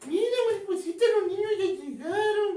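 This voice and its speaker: A man doing a squeaky, giggly kids' clown. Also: a little fast, mellow. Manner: giggly, exclamatory, stammering. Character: cheerful little male children's clown. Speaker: children's show host. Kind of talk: children's gospel show. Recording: echoey and distant from the mic.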